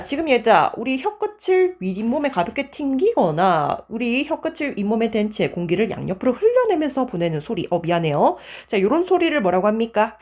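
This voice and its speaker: A woman teaching an exam-prep grammar lecture, moving briskly through answers and checking in with her students again and again. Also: fairly high pitch, darkish tone.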